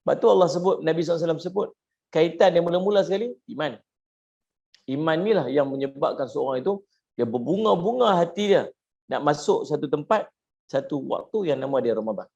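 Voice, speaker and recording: High-voiced preacher, gravelly. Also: male voice, expressive, fast talker, a little mellow. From Malaysia. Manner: humorous, asks the audience questions. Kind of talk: religious lecture. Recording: muffled lo-fi lecture recording.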